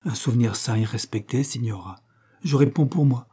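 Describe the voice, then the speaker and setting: A man reading aloud who voices a chastened, devoted Venetian gentleman, speaking low and quietly. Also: normal speed, husky, close to an everyday voice. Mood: solemn.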